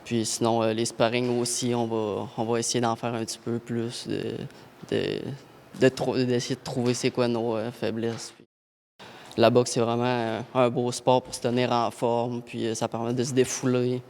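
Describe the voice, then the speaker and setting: A man, an amateur boxer answering simply and haltingly. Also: medium pitch, monotone, a little mellow, a little hiss or hum.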